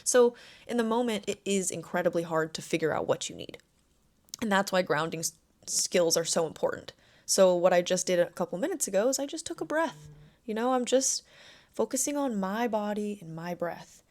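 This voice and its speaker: A young adult woman hosting a self-help podcast, talking in a relaxed, conversational and reassuring way. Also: mid-range voice, moderate pace. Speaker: podcast host and anxiety coach.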